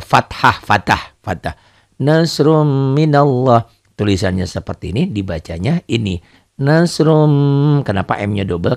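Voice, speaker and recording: A man teaching beginners to read Quran script, posing questions and answering them himself, stretching words out slowly to demonstrate pronunciation. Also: fairly low pitch, gravelly, slightly rough, dry recording, clean studio sound. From Indonesia. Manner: animated, asks and answers his own questions, drawn-out demonstration readings. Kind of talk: beginner tajwid lesson.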